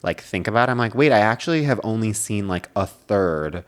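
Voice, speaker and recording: A man's voice: fairly low pitch, animated, fairly quick. A man co-hosting a podcast in casual comedic chat, agreeable and easygoing. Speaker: podcast co-host.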